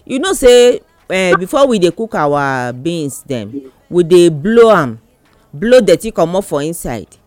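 A man's voice: sits high, sing-song, measured pace, no echo. A man with a Nigerian accent chatting casually in West African Pidgin English as a partner in a radio conversation.

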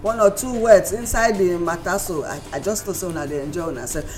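A woman's voice: lowish voice, quick pace, a little mellow, faint music behind. A Nigerian woman hosting a radio talk show, chatting casually and emphatically in Nigerian Pidgin and often repeating words. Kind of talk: casual current-affairs chat in Nigerian Pidgin.

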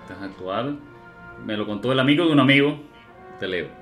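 A man's voice: medium pitch, lively intonation, brisk, a bit bright, soft background music. A man, co-hosting a casual chat and cutting in to steer the talk. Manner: prodding, interrupts to steer. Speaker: podcast co-host.

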